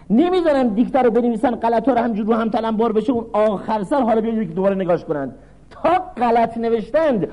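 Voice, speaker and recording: Animated male preacher telling a story. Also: very high voice, poor audio. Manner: animated storytelling, acts out quoted voices; recites Arabic verses then explains. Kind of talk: sermon.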